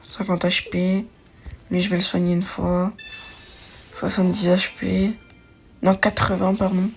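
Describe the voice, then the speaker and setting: A young woman with a fairly low voice talks through a card game in casual commentary. She thinks aloud, uses slang and corrects herself often, with faint music playing underneath. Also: flat delivery, a little slow, gravelly. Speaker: gaming video creator. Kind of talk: casual let's-play commentary.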